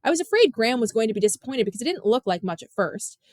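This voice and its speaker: Female audiobook narrator, measured and expressive, fairly high voice, dry close mic. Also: no room sound. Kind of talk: scripted narration.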